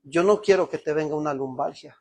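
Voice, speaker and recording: Husky-voiced Mexican pastor preaching. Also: male voice, a little high, a little fast. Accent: Mexican Spanish. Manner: storytelling preacher, rising to emotional peaks. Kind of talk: sermon.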